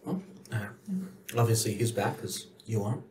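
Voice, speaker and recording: A man's voice: fairly low pitch, distant mic, background noise. A man narrating as game master in a tabletop game, talking loosely with fillers. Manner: loose, halting delivery with fillers.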